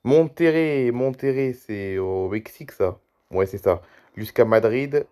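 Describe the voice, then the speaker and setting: Worn-out youtuber guy rambling over a screen recording, chatty, calling out flight routes, mid pitch. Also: unhurried, mellow, clean tone. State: tired. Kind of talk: casual screen-recording commentary.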